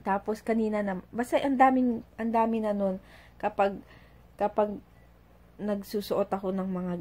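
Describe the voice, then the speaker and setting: Mom vlogger at home, mellow voice, chatty and giggly, casual storytelling. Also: female voice, medium pitch. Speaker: vlogger and mother. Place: at home doing chores.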